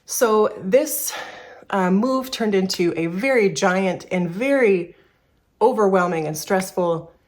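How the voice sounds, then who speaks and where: A woman's voice: medium pitch, slow pace. Woman, 30s, from Canada; shop owner in a candid vlog, slightly breathless, rambling delivery. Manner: candid, rambling, many restarts and fillers. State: a little out of breath. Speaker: furniture repair business owner. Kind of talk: personal vlog talking to camera.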